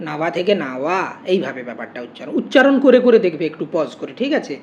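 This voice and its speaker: A woman teaches grammar online, walking through it step by step and answering her own questions. Her voice is lowish and darkish, very animated and rapid-fire. The recording is muffled and lo-fi, with faint noise.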